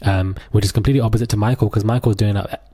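Fast-talking man spilling gossip. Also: lowish voice. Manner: animated, dramatic, sassy asides. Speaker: podcast host. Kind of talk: casual gossip commentary.

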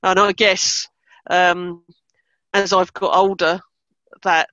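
A woman's voice: lowish voice, little pitch movement, slow pace, a bit bright, dry recording, lo-fi sound. A woman with an Essex English accent chatting casually on a podcast as a Formula One fan. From Essex, England.

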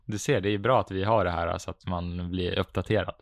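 Low-voiced Swedish man with a Stockholm accent. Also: steady tone, gravelly, dry recording. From Avesta, Dalarna, Sweden. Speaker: podcast co-host. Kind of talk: casual chat.

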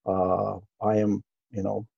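Here the same Okinawa-born martial artist, a middle-aged man whose first language is Japanese, reminisces casually as an interview guest, pausing often with fillers and gentle chuckles. His voice sits lowish and comes out creaky, slightly rough and completely flat. The audio is dry and a bit muffled.

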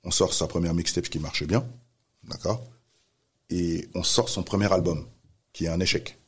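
A man telling a story in casual chat, animated, acting out the voices of the people he quotes. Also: sits low, normal speed, breathy edge. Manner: animated, acts out quoted voices, many restarts. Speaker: music manager telling a story.

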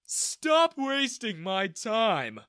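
A man voicing an arrogant, sneering male bank manager who mocks in a loud, drawn-out way. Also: sits high, wildly swooping pitch, smooth, no room sound, studio quality, pitched above the performer's own voice, full character voice. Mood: scornful.

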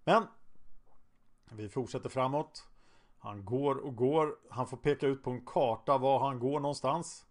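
A man narrating a true-crime story in a casual, conversational way, with hesitant fillers now and then. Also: medium pitch. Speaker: podcast narrator.

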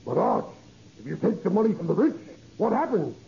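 A glib American machine politician in an old radio comedy. His high, creaky voice swells with grandiose, oily flattery and cynicism. The recording is dull and hissy. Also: a little fast, heavily acted. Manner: grandiose, oily mock-sincere. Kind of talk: 1940s-50s radio comedy acting.

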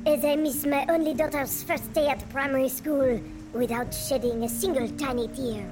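A woman's voice: high-pitched, fairly even intonation, normal speed, loud music behind the voice, close to an everyday voice. A woman playing a solemn circus flea who theatrically claims to feel nothing, in a comedy sketch. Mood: solemn, dramatic. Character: melodramatic stoic female flea performer, secretly overemotional.

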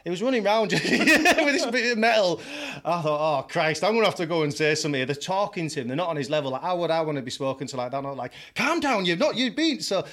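A man's voice: fairly high pitch, quick pace, hardly any pauses, a bit bright. A man, a podcast guest telling his story in a candid, chatty way, often laughing. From York, England. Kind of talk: casual storytelling.

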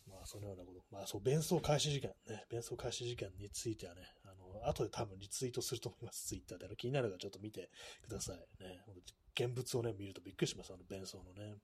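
Fast-talking man hosting a casual stream. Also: fairly low pitch, slightly rough. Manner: rambling, filler-heavy, self-mocking. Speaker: live-stream radio host. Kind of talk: casual solo live-stream chat.

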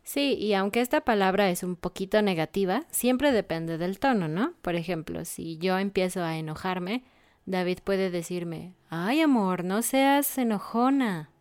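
Smooth, low-voiced Mexican woman teaching. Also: moderate pace, no room sound. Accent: Mexican Spanish. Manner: clear, explaining with examples. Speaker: Spanish teacher. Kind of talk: casual language lesson.

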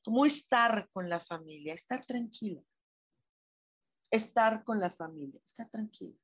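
A woman with a Mexican accent, a spiritual guide answering listener messages in a live reflective chat, asking gentle questions with frequent exclamations. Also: mid-range voice, breathy edge. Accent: Mexican Spanish.

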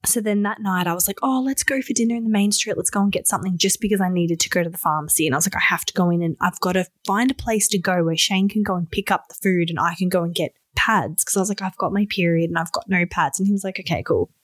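A young woman recounts her story in a casual, animated way. Her voice sits fairly low but leaps high when she acts out what she said. The sound is close and dry, with no room around it. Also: quick pace, hardly any pauses, no echo. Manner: animated, acts out quotes with sudden high squeals. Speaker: podcast guest.

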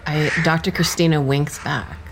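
A woman's voice: deep voice, fairly even intonation, normal speed, gravelly, very noisy. A woman playing a tabletop game, narrating her character and bantering casually.

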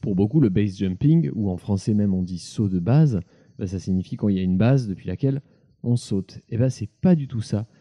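A man's voice: on the low side, lively intonation, fairly quick, mellow. A man giving a podcast's reporter segment, explaining things to listeners in a chatty, teacherly way from indoors at home. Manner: chatty and didactic, checks in with listeners.

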